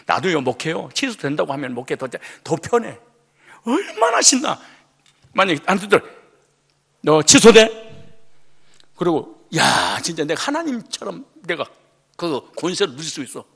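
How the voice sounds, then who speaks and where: A man preaching a sermon as pastor, emphatic and colloquial, often rising to loud outbursts. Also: on the high side, huge pitch swings, normal speed, gravelly, breathy edge.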